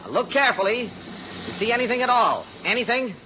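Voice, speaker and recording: American insurance guy, pushy, talks fast, pitch jumps around, old time radio drama. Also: sing-song. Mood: brisk, instructing. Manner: urgent, emphatic, persuasive. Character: brisk, insistent male insurance adjuster and pilot. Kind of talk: 1940s-50s radio drama acting. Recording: muffled, noisy old radio recording.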